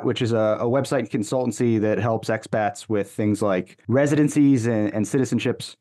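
A man's voice: mid-range voice, a little mellow. A man in his thirties hosting a podcast, asking questions in a friendly, upbeat way at a desk mic. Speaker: podcast host. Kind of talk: casual interview. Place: small room, indoors. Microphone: large studio mic on a desk, headphones.

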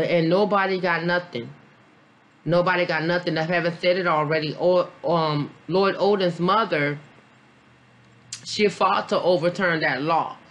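A woman vlogger giving a casual reaction review, blunt and profane, rambling with lots of fillers, a little tipsy. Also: on the low side. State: a little tipsy after a beer. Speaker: vlogger, mom reviewing a documentary.

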